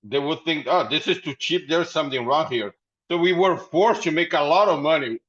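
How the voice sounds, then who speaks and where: His fairly high, expressive, fairly bright voice moves at a normal speed as the company founder tells his story on a podcast. He rambles and laughs often in the casual interview, which has a dull lo-fi recording quality.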